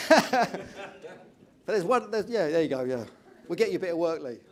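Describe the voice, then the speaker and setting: A middle-aged English man giving an energetic motivational keynote speech, telling stories and asking the audience questions. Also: high voice, unhurried. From England. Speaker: motivational speaker.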